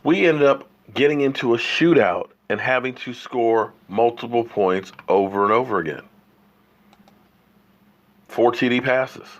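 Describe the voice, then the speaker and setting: A sports show host with a cold runs an opinion livestream, arguing hard and throwing out rhetorical questions. His mid-range voice moves at an unhurried pace, and the audio sounds dull.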